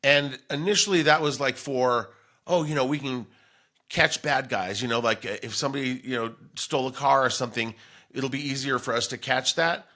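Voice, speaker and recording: With a medium-pitched, bright and forceful voice at a moderate pace, this middle-aged American podcast host from Denver rambles through casual, conversational storytelling.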